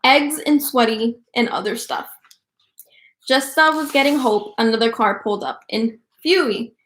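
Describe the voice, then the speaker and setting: A woman reading a children's book aloud for a book club, telling the story in a lively way. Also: a little high, moderate pace, slight background noise. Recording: roomy echo.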